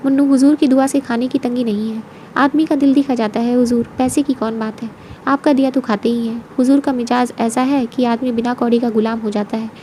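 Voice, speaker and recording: A woman voicing a flattering, talkative male servant who bows and scrapes to his mistress. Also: a little high, a little fast, slight background noise, natural voice. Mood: fawning. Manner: obsequious, keeps addressing his mistress as huzoor.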